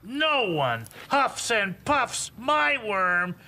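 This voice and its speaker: A cranky trash-can grouch for a children's puppet show. The voice is gruff and animated, with a protective edge under the grumbling. The soundtrack is noisy. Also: male voice, high voice, extremely slow, full character voice. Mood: grouchy, indignant.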